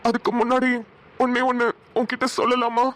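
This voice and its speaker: A performer voicing a patient young groom who talks softly and reassuringly in a cartoon. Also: medium pitch, completely flat delivery, brisk, natural voice. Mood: gentle. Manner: soft, reassuring speech. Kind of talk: cartoon voice acting.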